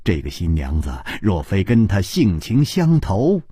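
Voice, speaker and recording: Male storyteller, dramatic and lively, huskiness in the voice. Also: low-pitched, a little slow, husky, no echo, studio quality. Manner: dramatic, sweeping intonation. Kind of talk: traditional Chinese storytelling.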